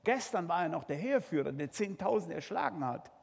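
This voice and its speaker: A man's voice: a little high, big pitch swings, brisk, gravelly, slightly rough, long reverb tail. A male preacher giving a dramatic sermon, talking straight to his listeners with rhetorical questions.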